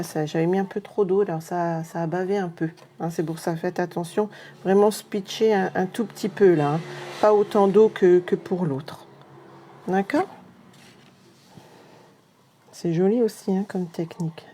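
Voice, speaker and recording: A woman's voice: lowish voice, mellow, slight background noise. A woman with a Marne French accent hosting a live craft demonstration, talking straight to her viewers in a chatty way. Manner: chatty, often talks straight to the viewers with "regardez" and "hein". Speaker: craft tutorial host.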